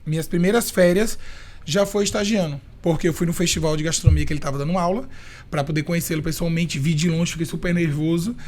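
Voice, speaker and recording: A young man from Recife talks fast and lively in a high voice, playful and expressive. He tells his story as a chef who is a podcast guest, in a casual, chatty way. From Recife, Brazil. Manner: expressive, playful, quick and talkative.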